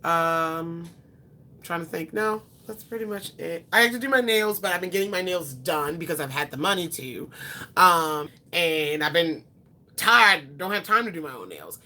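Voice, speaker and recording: A beauty vlogger in her twenties chats with her viewers, answering their questions on the spot. Her low voice still comes across bright and forward, expressive and at a normal speed. She's chatty and rambling, with frequent ums and corrections of herself as she goes.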